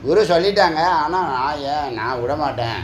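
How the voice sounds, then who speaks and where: A man delivers a spiritual talk, firing rhetorical questions at his listeners and scolding them with a teasing edge. His voice sits fairly high. It rings in an echoey room over a faint hum of background noise. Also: expressive, normal speed. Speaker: spiritual teacher. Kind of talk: Tamil discourse on scripture.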